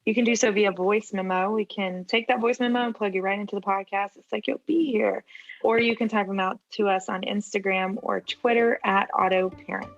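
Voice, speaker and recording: A woman's voice: medium pitch, muffled recording. A woman in her thirties hosting a podcast as a family pastor, upbeat and announcing segments in a light tone. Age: 30s. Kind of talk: casual chat, hosting.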